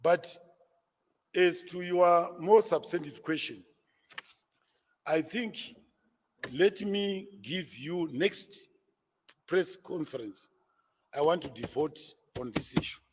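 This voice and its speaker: A man, a party spokesman, answering reporters at a press conference in a deliberate, lecturing way with stammered restarts. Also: on the high side, big-room sound, slight background noise. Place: conference room.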